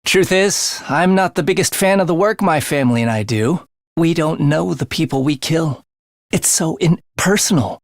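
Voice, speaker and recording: A man with a fairly high pitch and lively intonation speaks at a moderate pace, recorded at studio quality with no room sound. In English video game voice acting, he plays a playful, morbid young male assassin, his breezy, teasing slang turning breathy and theatrical.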